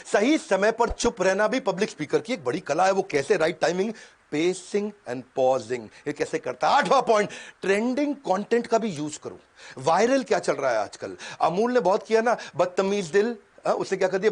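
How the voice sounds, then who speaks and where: A man coaching an audience in an energetic motivational seminar, talking in quick punchy bursts and sudden pauses, dropping English catchphrases in. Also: high-pitched. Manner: mixes English catchphrases into Hindi. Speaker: business coach.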